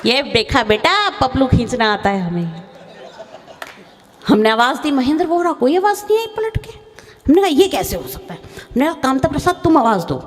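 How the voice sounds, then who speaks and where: A woman's voice: high-pitched, very animated. A woman comic poet on a live stage, chatting and teasing the audience through a microphone. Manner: chatty, teasing the audience, sings a slow verse. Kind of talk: stage comedy poetry recital. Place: live stage show in a hall. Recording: reverberant hall sound.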